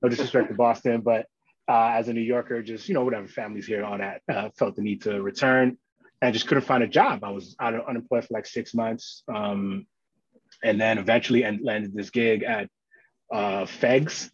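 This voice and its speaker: A new man with a lowish, steady, slightly breathy voice speaks at normal speed; the recording is dry and dull. Hailing from Queens and Long Island, New York, this school social worker is an interview guest in a casual conversation, keeping things informal with frequent "you know" and "right?"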